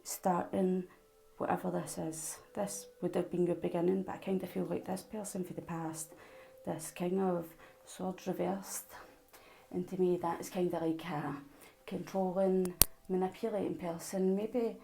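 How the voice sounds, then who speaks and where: Scottish woman from Glasgow, low-pitched and husky-edged with fry, casual tarot reader talking to camera. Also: flat delivery, unhurried, dark tone, rough recording. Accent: Glaswegian Scottish. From Glasgow, Scotland. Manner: rambling, intuitive, speaks straight to the viewer.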